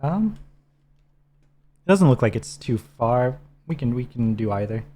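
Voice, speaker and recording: Mellow-voiced man guiding a game. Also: mid-range voice, unhurried. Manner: relaxed, instructive, talks teammate through menus. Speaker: streamer co-host. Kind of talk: casual gameplay chat.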